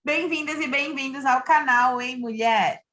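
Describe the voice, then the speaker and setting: A woman in her thirties from Santa Catarina, co-hosting a podcast in a lively manner, chatting and reading prepared segments. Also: sits high, a little slow. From Santa Catarina, Brazil. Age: 30s. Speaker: podcast co-host. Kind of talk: podcast chat and scripted reading.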